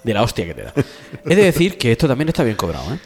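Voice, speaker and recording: Lively, fast-talking joking young man. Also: medium pitch, breathy edge, soft background music. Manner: joking, teasing, quick banter. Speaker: podcast co-host. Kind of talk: casual comedic chat.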